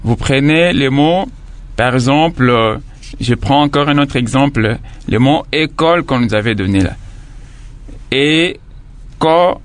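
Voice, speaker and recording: A man's voice: mid-range voice, moderate pace. A man teaching a lesson, patiently repeating and sounding out syllables one by one. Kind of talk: classroom lesson explanation.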